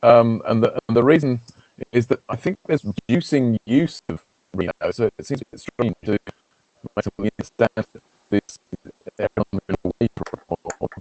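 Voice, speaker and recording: A man speaking in a remote technical meeting over a garbled, breaking-up connection, talking haltingly with repeated restarts. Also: medium pitch, a little mellow, no echo, low-quality recording. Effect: garbled, breaking-up online call audio. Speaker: meeting participant.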